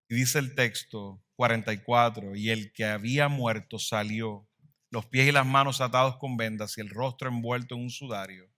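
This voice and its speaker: Male pastor mid-sermon; bright, pointed delivery, dynamic swells and quiet drops. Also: medium pitch. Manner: dynamic preaching, swells louder then drops to a hush.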